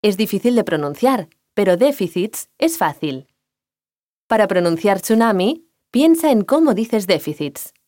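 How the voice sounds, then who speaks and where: Measured woman teaching, dry sound. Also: medium pitch, big pitch swings, mellow, dry recording. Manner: clear, measured explaining. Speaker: language teacher. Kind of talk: scripted lesson narration.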